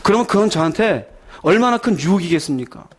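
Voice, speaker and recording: A man's voice: sits high, animated, fast talker, slightly rough. A middle-aged pastor from Korea preaching a sermon, telling his own story, acting out the dialogue and asking the congregation questions.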